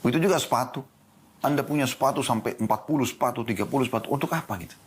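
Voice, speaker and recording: A man's voice: medium pitch, racing, breathy edge. A man giving an Islamic lecture in a studio, asking his listeners questions and answering them himself. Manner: lively, rhetorical questions to the audience. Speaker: Islamic preacher.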